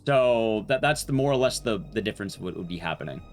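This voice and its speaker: Talking fast and animatedly in a lowish voice, a streamer comments casually on his speedrun with game music playing behind him. He explains things in a playful, meandering way.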